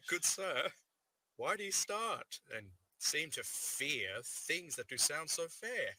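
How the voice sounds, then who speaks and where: An actor playing a wary, questioning nobleman in a Shakespearean radio play, with measured declamatory delivery. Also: fairly high pitch, very animated, sharp tone, dry recording, heavily acted, low-quality recording.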